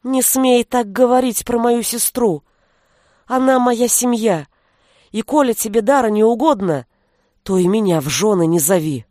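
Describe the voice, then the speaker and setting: A reader voicing a tearful young woman who shouts shrilly and rings with anger as she defends her family, recorded dry and close. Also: mid-range voice, measured pace, no echo, close to an everyday voice. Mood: angry.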